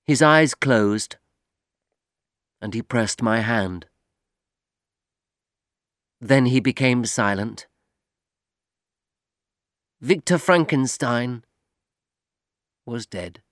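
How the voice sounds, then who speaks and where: A man narrating an audiobook in a careful, measured reading voice. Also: medium pitch, expressive, a bit bright, no echo, studio quality.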